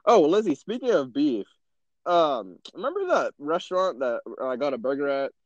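A young man with a Texan accent tells stories on a casual podcast, and his voice swoops up and down as he acts out his own reactions. His voice sits fairly high for a man. The sound is dry and a little dull, like a lo-fi recording. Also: big pitch swings, moderate pace, no room sound. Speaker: podcast host. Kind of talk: casual chat.

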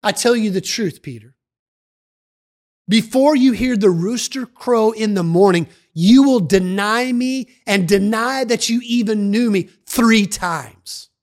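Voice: mid-range voice, measured pace, lightly acted. A narrator voicing Jesus in a dramatized Bible story, speaking in an earnest, reassuring way to his followers. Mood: solemn. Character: calm earnest male Jesus teaching followers.

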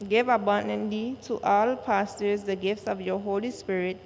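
A woman leading a church service, reciting the liturgy in a slow, measured way, her voice carrying a cathedral echo. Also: medium pitch, level tone, vocal fry, a little mellow. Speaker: worship leader. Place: large church. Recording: long church reverb, faint noise.

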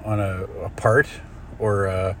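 A man's voice: deep voice, level tone, slow pace, slight background noise. Foul-mouthed ranting middle-aged man. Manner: angry, swearing constantly, worked up. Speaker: solo commentator. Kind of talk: profane ranting monologue.

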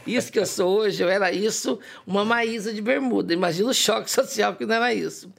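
A woman with a Brazilian accent, a guest in a casual chat, telling stories in an animated, dramatic way and laughing often. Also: mid-range voice, quick pace, creaky.

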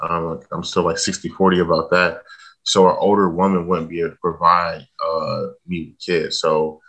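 A man with a very deep voice and a bright, forward tone chats on a podcast. He hesitates often, fills gaps with "um" and "like", and apologizes as he goes. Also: level tone, normal speed. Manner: hesitant with many fillers and apologies. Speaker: podcast co-host. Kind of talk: casual chat.

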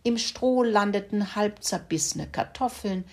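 A woman's voice: medium pitch, a little slow. An older woman telling a children's farm story, speaking directly to the young listener.

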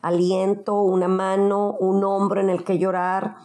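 A woman speaks in a mid-range voice, giving advice in a steady, listing manner. She delivers it as a calm motivational talk. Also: mid-range voice, measured pace.

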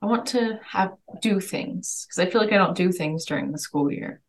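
A woman's voice: fairly low pitch, lively intonation, normal speed. A young woman co-hosting a podcast, chatting casually and rambling with lots of "like" and laughter. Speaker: podcast co-host. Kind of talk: casual chat.

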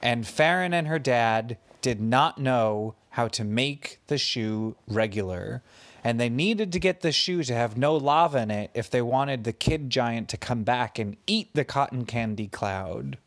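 A father spinning a bedtime story for his child at an unhurried pace. His voice is gentle and patient, recorded close and dry with a medium pitch. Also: expressive, no room sound.

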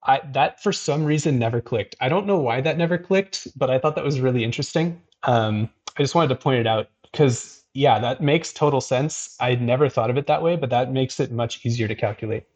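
A man hosts an art livestream in a medium-pitched, darkish voice, speaking a little fast with few pauses. The chat is casual and full of restarts, with frequent "like"s and "um"s.

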